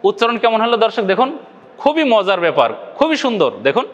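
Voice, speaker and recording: A man's voice: very high voice, very animated, quick pace, long reverb tail, muffled recording. A man with a Bangladeshi Bengali accent teaching Quran recitation in a video lesson, patiently repeating each point and checking that viewers follow.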